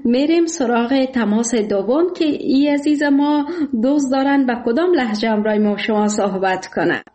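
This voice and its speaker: A woman hosting a call-in show, polite, thanking often and pausing with fillers. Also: a little high, warm tone, echoey room. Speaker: radio show host.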